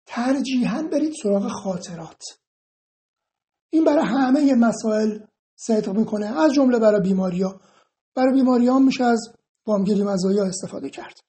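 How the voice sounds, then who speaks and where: A woman with a somewhat high, soft and mellow voice works through listener questions one by one. She reads each question aloud, then explains her answer in a calm, reassuring tone. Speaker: EFT instructor answering viewer questions. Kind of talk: informal explanatory Q&A monologue.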